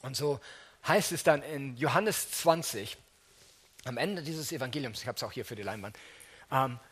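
A man preaching a sermon, acting out quoted speech with big swings in pitch and loudness. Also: normal speed, husky.

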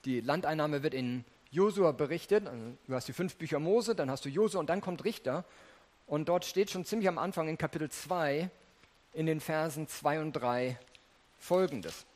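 A man's voice: a little high, moderate pace, darkish tone. A man preaching a sermon in a conversational way, speaking directly to his listeners and reading scripture aloud.

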